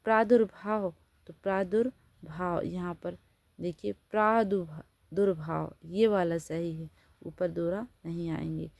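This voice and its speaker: A woman's voice: fairly low pitch, fairly even intonation, unhurried, creaky, a little mellow, no echo. A woman teacher giving a Hindi spelling lesson. She reads each word out, then explains and corrects it.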